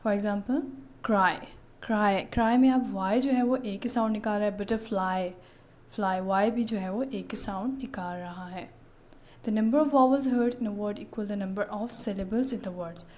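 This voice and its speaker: A woman teacher giving an online class lecture, slowly explaining each word to young students. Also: medium pitch, a little mellow.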